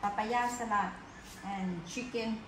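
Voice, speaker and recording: A woman's voice: medium pitch, fairly even intonation, takes it slowly, low-quality recording. A Thai woman with a Thai accent chatting casually in short, simple English while riding outdoors. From Thailand. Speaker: vlogger. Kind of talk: casual chat. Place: outdoors on a bike ride. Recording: outdoor recording with loud noise behind.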